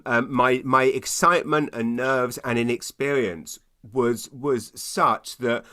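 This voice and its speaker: British man, stand-up comic, mid-range voice, self-deprecating, animated anecdote, stumbling repeats, conversational. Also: medium pitch, slow. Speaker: stand-up comedian, guest.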